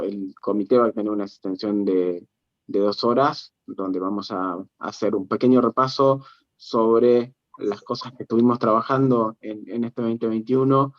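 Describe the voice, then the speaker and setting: A man's voice: on the low side, no echo, muffled recording. A man, hosting an online meeting with many hesitant fillers. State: hoarse from a cold. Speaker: meeting host. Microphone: video call.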